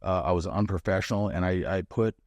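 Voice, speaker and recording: A middle-aged man, a former bomb disposal chief, telling stories in a blunt, profane, animated way in a casual conversation. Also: deep voice, a little fast, no echo, studio quality.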